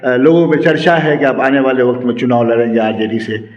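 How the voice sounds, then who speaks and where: A man's voice: medium pitch, flat delivery, fairly quick, highs cut off. A man interviewing a local politician with formal, polite questions. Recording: long reverb.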